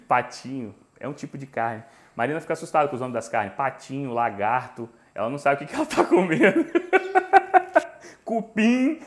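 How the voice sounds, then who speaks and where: Brazilian man in his forties hosting a cooking stream, animated storyteller, a bit high-pitched, close lapel mic. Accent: Brazilian Portuguese. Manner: animated storytelling, chatty and joking with viewers. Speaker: cooking show host. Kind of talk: live cooking stream chat. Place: home kitchen, indoors.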